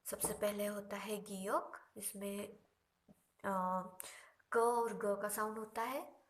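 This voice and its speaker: A woman teaching a language lesson, explaining each example slowly and patiently, with drawn-out repetitions. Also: mid-range voice, little pitch movement. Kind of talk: Korean lesson explained in Hindi.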